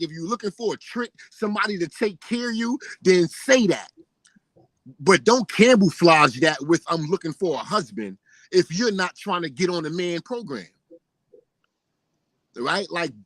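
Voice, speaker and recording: A man's voice: high voice, animated, a little slow, long pauses, a bit bright, no room sound, poor audio. A man in his late thirties rants bluntly and casually, swearing often and tagging nearly every point with "right?". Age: 30s. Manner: profane, repeats himself when pressed. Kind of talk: casual ranting monologue.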